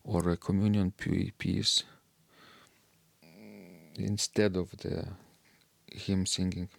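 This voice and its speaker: A man with a very deep, gravelly voice talks through organ pieces at an unhurried pace. He pauses often and fills the gaps with hesitant ums. The sound is close and dry. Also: little pitch movement, no echo. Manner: slow and hesitant, with many fillers. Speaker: podcast co-host discussing organ music. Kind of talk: casual discussion.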